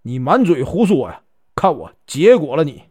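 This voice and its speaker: A man with a Northeastern Chinese accent voicing a proud, quick-tempered Taoist priest who speaks with indignant threats. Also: fairly high pitch, sing-song, a little mellow, slightly rough, dry recording, studio quality.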